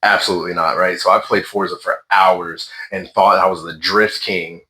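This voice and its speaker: A man telling stories in a casual gaming chat, animated and exasperated, swearing freely. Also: low-pitched, normal speed.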